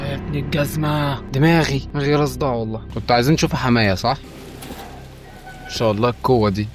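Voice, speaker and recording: Rapid-fire Egyptian gamer man. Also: medium pitch, steady tone, loud music behind the voice. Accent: Egyptian Arabic. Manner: jokey, rapid-fire, often panicked and pleading. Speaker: gaming YouTuber. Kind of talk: horror game commentary.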